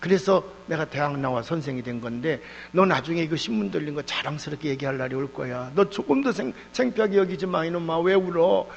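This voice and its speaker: A man voicing a gruff but caring middle-aged male schoolteacher, speaking with rough affection. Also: a little high, a little fast, few pauses. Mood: tender. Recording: dull echoey hall with hum.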